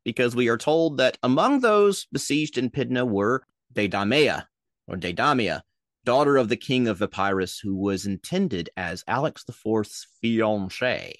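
A young man with a Minnesotan accent, hosting a casual history podcast as a lively storyteller with jokey asides. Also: medium pitch, unhurried, dry recording, clean studio sound. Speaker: podcast host.

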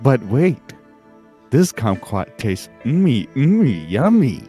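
A man imitating a male text-to-speech robot narrator, reading in a flat, mechanical way. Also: mid-range voice, slow, faint music behind. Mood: deadpan robotic.

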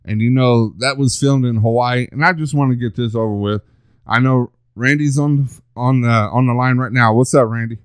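A man's voice: mid-range voice, steady tone, moderate pace, clean tone, no echo. A man hosting a podcast who chats casually, teases his guest and jokes around. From Texas. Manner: jokey, teasing, chatty. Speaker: podcast host. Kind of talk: casual interview chat.

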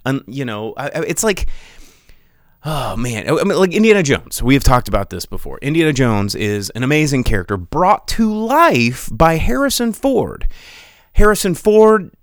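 This podcast host delivers casual solo commentary on movies in a mid-range voice at normal speed. His rants are rambling and animated, full of restarts and stumbles, and the studio-quality recording has no echo.

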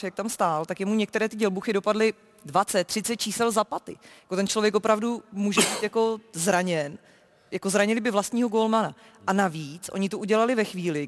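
A woman talking as a sports reporter in a football discussion, animated and emphatic. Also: mid-range voice, long reverb tail.

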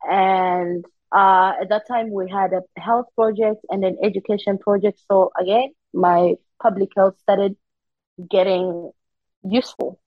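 A young woman from Zimbabwe, a humanitarian worker, telling her story as an interview guest in animated, casual conversation. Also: mid-range voice, unhurried, no room sound, lo-fi sound. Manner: animated storytelling with frequent laughs and quoted asides.

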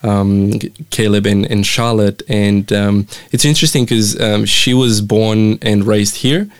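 A young man with a Romanian accent and a low, smooth, clear voice. He chats in a friendly way, stopping and restarting often as he talks. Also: steady tone, measured pace. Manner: friendly, hesitant with many fillers and restarts. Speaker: mission representative, guest. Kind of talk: casual interview chat.

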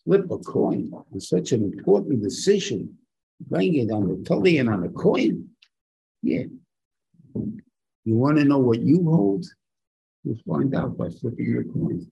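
A man's voice: medium pitch, vocal fry, dark tone, slightly rough, highs cut off. A man gives an informal religious lecture as a rabbi, using rhetorical questions and short, emphatic repetitions. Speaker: rabbi giving a Torah lesson.

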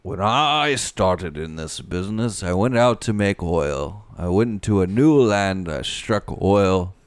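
A man improvising a grim, middle-aged male oil tycoon who recounts his rise in a slow, solemn first-person monologue. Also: low-pitched, lively intonation, clean tone, no room sound.

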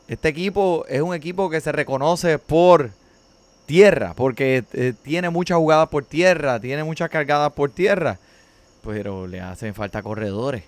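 A man chimes in with jokes and street slang. His voice sits a bit high and sounds dry and close. He keeps the talk casual and backs up his partner's points. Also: measured pace, no echo. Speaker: podcast co-host.

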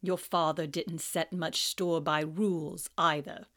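A woman reading aloud and voicing a cold, sneering male professor, speaking slowly and menacingly. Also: low voice, fairly even intonation, fairly bright tone, voice pushed down.

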